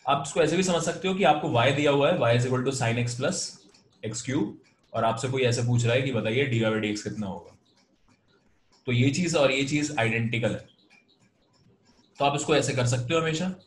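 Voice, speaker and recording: A man's voice: medium pitch, normal speed, roomy sound. A man with an Indian accent teaching a math class over a video call, explaining patiently and switching between Hindi and English. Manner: patient, explanatory, mixes Hindi and English, calls students "beta". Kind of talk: online class lecture.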